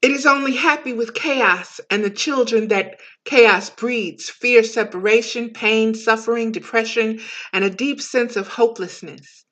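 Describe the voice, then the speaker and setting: A woman's voice: on the high side, measured pace, fairly bright tone, dull audio. A woman giving a reflective spiritual monologue as a teacher, in a preaching manner.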